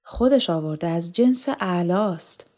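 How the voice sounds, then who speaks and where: A woman voicing a humble male tailor who is gentle, hospitable and proud of his work, in an audiobook novel. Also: fairly low pitch, expressive.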